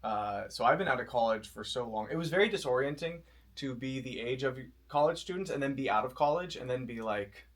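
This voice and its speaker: A man's voice: mid-range voice, expressive, fairly quick, fairly bright tone. A man in his twenties from Florida, a comedian guest in casual chat who asks curious, analytical questions and rambles with many fillers. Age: 20s.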